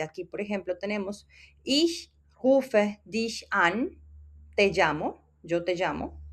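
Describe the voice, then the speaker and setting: A woman giving a scripted German lesson, explaining grammar in a clear teaching tone and slowing down to pronounce example sentences carefully. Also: fairly high pitch.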